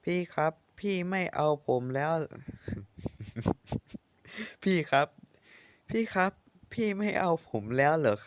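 A man's voice: high voice, a little slow, pauses often, a bit bright, slight background noise. A man voicing a small, sickly, clingy boy who pleads and whines in a manga comic voice-over dub. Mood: whiny. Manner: pleading, whiny.

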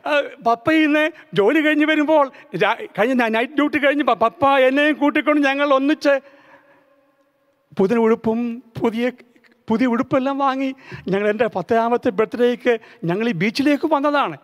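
A man voicing an excited ten-year-old girl chattering about her new dress and cake. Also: extremely high pitch, a little fast. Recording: reverberant hall.

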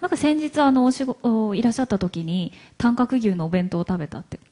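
Chatty, husky woman MC. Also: a little high, animated, brisk, warm tone. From Hiroshima, Japan. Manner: chatty, laughs often, many fillers. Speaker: event MC and interviewer. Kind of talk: live stage interview. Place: event hall stage.

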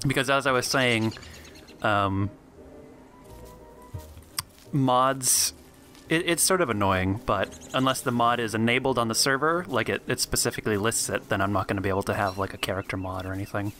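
A young man chatting casually while playing an online game, laughing often and filling pauses with um and uh. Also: lowish voice, bright, forceful tone. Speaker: gameplay video host. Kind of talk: casual gaming commentary.

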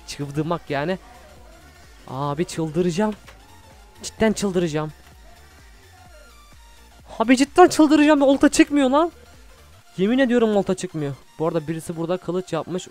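A young man commentating his own video game play, excitable and easily frustrated, swearing often. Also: on the high side. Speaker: gaming YouTuber. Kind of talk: Minecraft gameplay commentary.

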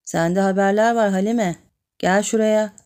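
A woman's voice: mid-range voice, steady tone, a little slow, darkish tone, clean tone, close to an everyday voice. A woman voicing a sly, lecherous middle-aged village man who coaxes and then threatens. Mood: coaxing.

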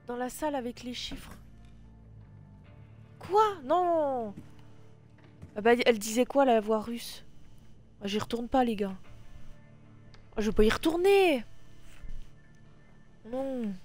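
A woman streaming a puzzle game, with a voice set a little higher than most. She chats casually with her viewers, swears often and talks herself through each step. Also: a little slow, pauses often, a little mellow, soft background music. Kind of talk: casual gaming commentary.

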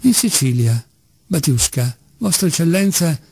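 A man's voice: fairly high pitch, sing-song, measured pace, vocal fry, darkish tone, breathy edge, no room sound, clean studio sound, voice pushed up, exaggerated voice. A man reading the part of a haughty, irritable middle-aged doctor in an audiobook. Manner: haughty, snappish.

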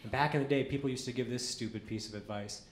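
A man performing a stand-up comedy set on a club stage, telling stories in a deadpan way and acting out quoted dialogue. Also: medium pitch, quick pace. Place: comedy club stage before a live audience. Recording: roomy club with audience noise.

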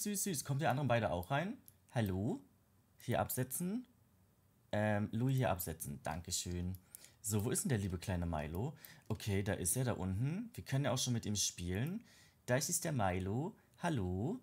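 A man hosting a casual game let's play, gushing and excitable, often squealing up high over cute moments. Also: husky. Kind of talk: casual gameplay commentary.

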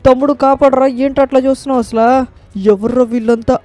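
A man's voice: extremely high pitch, steady tone, brisk, warm tone, no echo. A man voicing a panicky male gang henchman, crying out frantically for help in a game dub. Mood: panicked. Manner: frantic yelping cries for help.

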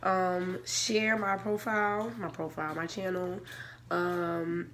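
A woman's voice: on the low side, little pitch movement, slow. A young woman hosting her vlog in a casual, conversational way. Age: young adult. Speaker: vlogger, channel host. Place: small office-like room, indoors. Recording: faint room noise, casual camera audio.

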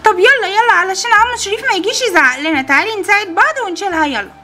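A dramatic little doll girl wails in a very high, bright, Egyptian Arabic voice, as a woman puts her on. She half laughs through her cries and rattles along fast in a toy-play video. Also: lively intonation, a little hiss or hum, full character voice. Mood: bossy.

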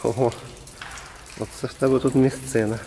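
A man talks casually into a handheld camera while he picks his way through a dark, abandoned concrete hall. His voice sits in a middling register, with a faint hiss of noise behind it. He calls out to a friend now and then as he explores. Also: mid-range voice, fairly even intonation, normal speed, vocal fry. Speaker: urban explorer filming. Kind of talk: casual handheld vlog narration.

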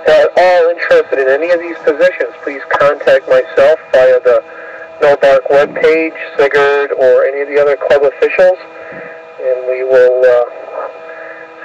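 A man making a halting announcement with frequent ums, heard over a static-filled two-way radio. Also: fairly high pitch. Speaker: radio club official. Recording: distant muffled radio with static.

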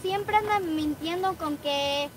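A young woman with a very high, piping voice, talking in a firm and exasperated scolding tone. The clip is a casual vlog recorded with loud background noise all around her. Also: slow, low-quality recording. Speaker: vlogger.

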